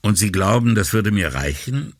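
A man reading an audiobook voices a calm, politely ironic and skeptical male police commissioner. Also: lowish voice, normal speed, no room sound, studio quality. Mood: dry. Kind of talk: audiobook character voice.

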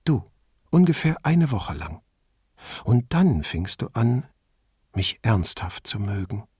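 A man's voice: fairly low pitch, sing-song, slow pace, darkish tone, slightly rough, dry recording, clean studio sound, heavily acted. A man voicing a wry, teasing wife. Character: witty teasing Italian wife, adult woman.

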